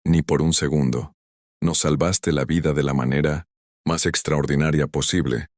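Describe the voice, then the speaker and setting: A narrating man speaks for a resilient mother in her thirties, calm and heartfelt. His very deep voice stays close to his own. The sound is dry. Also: moderate pace, no echo.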